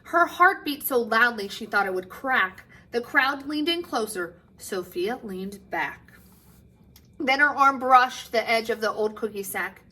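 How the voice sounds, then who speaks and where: A woman teacher with a voice on the high side reads a picture book aloud to kids, pausing dramatically and lengthening the ends of phrases expressively. The audio is poor.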